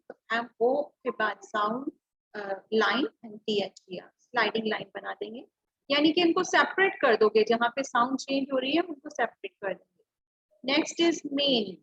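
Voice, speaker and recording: Woman teacher, high-pitched, slow and patient, dull lo-fi online class sound. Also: fairly bright tone, husky. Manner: patient, spells words letter by letter, mixes Hindi and English. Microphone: computer or phone mic on a video call.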